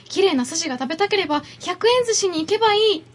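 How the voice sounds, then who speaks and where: Brief: blunt, fed-up young woman at a party, voiced by a woman, very high and bright, in a radio skit. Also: animated. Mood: indignant. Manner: blunt, quick retorts. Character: exasperated young woman hosting a sushi party. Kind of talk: comic radio skit reading.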